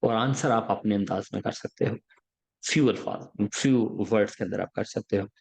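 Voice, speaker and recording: A man's voice: lowish voice, moderate pace, vocal fry, a little mellow. A man giving explanatory podcast advice on engineering job interviews, walking through points step by step and often checking in with the listener.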